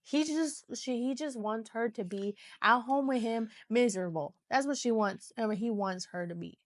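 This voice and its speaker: A woman's voice: on the high side, normal speed, no room sound. A woman hosting a podcast, casually retelling a true-crime story in a loose, chatty way, with many "so" and "you know" fillers. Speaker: podcast host.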